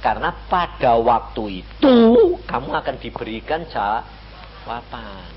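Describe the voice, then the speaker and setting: A man's voice: mid-range voice, expressive, a little slow, highs cut off. An older man with a Javanese accent preaching a sermon in a conversational way, full of rhetorical questions. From Central Java, Indonesia.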